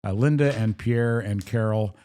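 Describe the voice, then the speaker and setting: A man's voice: fairly low pitch, normal speed, mellow, clear, resonant tone. A man co-hosting a podcast, doing a folksy, easygoing live sponsor read. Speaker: podcast co-host. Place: podcast studio.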